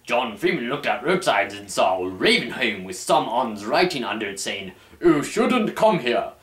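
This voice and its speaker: His voice sits on the low side but swings widely in pitch, fairly bright and at normal speed. As host, the young man gives a theatrical, mock-formal reading of a scripted story in a small home room, picked up from a short distance with roomy camera audio.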